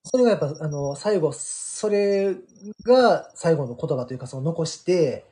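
A man's voice: fairly high pitch, normal speed. A middle-aged man with a Kansai Japanese accent, a guest manga artist telling stories in a casual radio chat, full of fillers and restarts. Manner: animated storyteller, many fillers.

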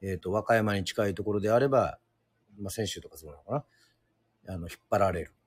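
A man from Yoron Island hosting a casual solo radio talk, speaking hesitantly with many fillers and pauses. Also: fairly low pitch, husky, no room sound. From Yoron Island, Japan. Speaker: radio show host.

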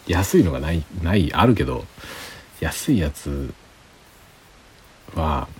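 A tipsy man rambling casually in a hushed late-night solo chat as a livestream host. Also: extremely low pitch, lively intonation, takes it slowly, slight background noise. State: drinking alcohol, tipsy.

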